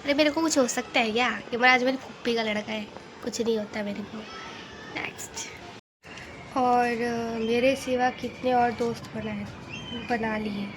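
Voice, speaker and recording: A young woman vlogger chats through a casual question-and-answer session. She reads out each fan question in her slightly high voice and answers frankly, often tagging on "okay?" at the end of a sentence. The home recording carries a steady layer of background noise. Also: moderate pace. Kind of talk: casual Q&A vlog.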